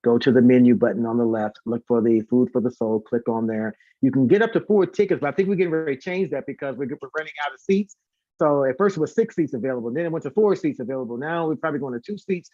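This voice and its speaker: A singer and concert organizer chats casually as an interview guest, talkative and repeating words for emphasis. He has a medium-pitched, warm voice and talks fast, on a dry, lo-fi recording.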